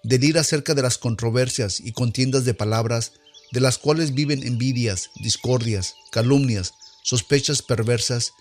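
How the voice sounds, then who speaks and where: A man reading scripture aloud in a solemn, measured, declamatory way. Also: mid-range voice, soft background music. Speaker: scripture reader.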